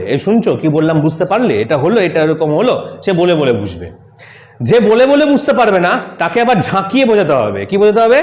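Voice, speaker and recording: A man's voice: sits high, darkish tone. A man teaching communication skills in a motivational lecture, asking rhetorical questions and acting out examples in different voices. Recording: echoey room.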